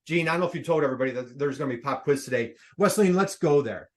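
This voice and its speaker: A man's voice: a little high, racing. Upbeat man hosting an online workshop. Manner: upbeat, playful, quizzing the audience. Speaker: workshop host.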